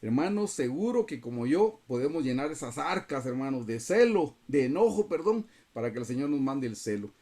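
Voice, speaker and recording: A man's voice: mid-range voice, big pitch swings, normal speed, few pauses, dark tone. A man teaching a Bible study over a video call, earnestly and often turning to his listeners as brothers.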